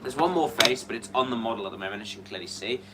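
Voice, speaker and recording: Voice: mid-range voice, expressive, very fast, heavy background noise. A co-host in a casual show-and-tell who chats through each item and corrects details along the way. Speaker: co-host presenting model props.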